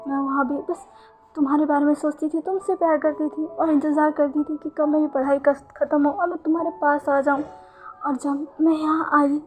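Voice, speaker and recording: A woman's voice: high-pitched, dark tone, natural voice. Woman reading as a desperate young woman in love.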